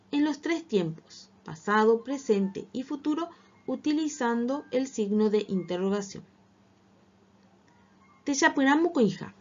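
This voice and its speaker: A woman teacher narrating a scripted language lesson, reading slowly and articulating each word with care. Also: fairly high pitch, darkish tone. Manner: slow, careful, clearly articulated reading. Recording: dull lo-fi recording. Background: faint background music.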